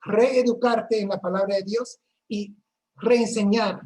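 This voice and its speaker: Her medium-pitched voice is steady, slow, and mellow, though the recording is rough. In a casual conversation, this church ministry woman shares her faith earnestly, frequently starting her sentences over.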